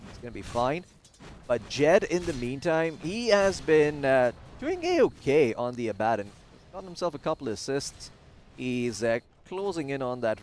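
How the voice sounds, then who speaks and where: A man's voice: medium pitch, a little hiss or hum. A man casting a live esports match, chatty and jokey, with self-deprecating asides. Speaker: esports caster. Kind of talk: live game commentary.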